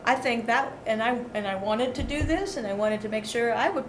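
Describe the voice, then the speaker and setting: At a local committee meeting, a woman member speaks in a brisk, outspoken, conversational way, her voice a little high. The informal discussion takes place in an indoor meeting room that sounds echoey, with clear background noise.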